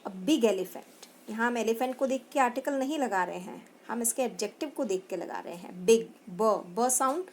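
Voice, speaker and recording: A woman's voice: a little high, expressive, normal speed, hardly any pauses, a little hiss or hum. A woman teacher with an Indian accent giving a grammar lesson, mixing Hindi and English and spelling words out letter by letter. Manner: mixes Hindi and English, addresses pupils as beta. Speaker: school teacher.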